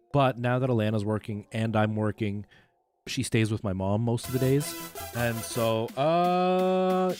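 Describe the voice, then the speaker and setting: A Canadian man chats casually while playing a retro video game on a livestream, with faint game music in the background. His voice is medium-pitched and a little mellow.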